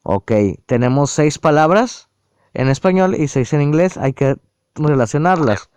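A man calmly walking through a language app on screen, explaining each step aloud. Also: on the high side, measured pace, clear, resonant tone, no echo. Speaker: app reviewer. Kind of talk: casual screen-recorded app walkthrough.

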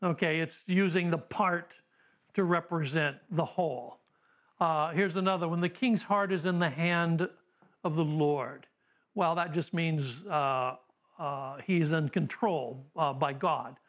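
A man with a high voice delivers a classroom Bible lecture. He talks conversationally, full of fillers and dry humor, and sounds middle-aged. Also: unhurried. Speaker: Bible teacher.

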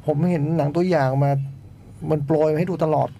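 A man's voice: on the high side, steady tone, fairly quick, warm tone, a little hiss or hum. A man in a casual movie chat who reads out reviews and reacts with frequent exclamations.

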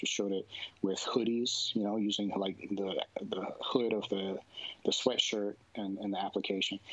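A man talking casually in a relaxed conversation, rambling with lots of fillers and frequent laughs. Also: fairly low pitch. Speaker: jiu-jitsu instructor guest. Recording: dull, dry lo-fi sound.

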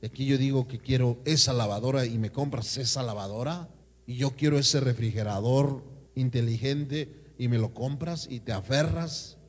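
A man's voice: medium pitch, normal speed, darkish tone, long reverb tail, natural voice. A man voicing a stubborn, domineering wife making demands of her husband. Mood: demanding.

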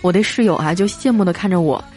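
A woman's voice: lowish voice, fast talker, a little mellow. A woman hosting a show, reading listener jokes aloud in a playful, chatty way and laughing at the punchlines. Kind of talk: casual joke reading. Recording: music playing faintly under the voice.

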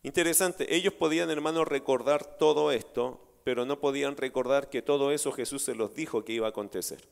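In a reverberant church sanctuary, a male pastor delivers a sermon, calling his congregation brothers and posing rhetorical questions. His mid-range voice is brisk, gravelly yet smooth.

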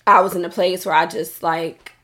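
A woman's voice: fairly low pitch, fairly even intonation, moderate pace, fairly bright tone. Profane, emphatic woman telling a story. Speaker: podcast co-host. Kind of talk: candid casual podcast chat. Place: Dallas.

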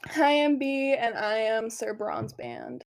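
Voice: mid-range voice, big pitch swings, unhurried, vocal fry. A tabletop game player introducing themself through a voice changer.

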